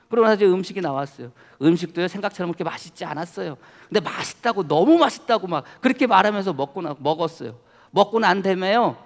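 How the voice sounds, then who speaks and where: Brief: male pastor, high gravelly voice, animated sermon, reverberant church hall. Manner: animated, asks congregation questions, quotes scripture. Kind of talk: sermon with personal story. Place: church sanctuary.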